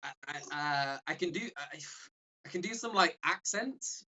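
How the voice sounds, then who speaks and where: A man from the UK in a band, halting and shy in casual interview chat. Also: high voice, expressive, pushed and bright, breathy edge, poor audio. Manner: halting, lots of fillers, shy. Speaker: band member guest.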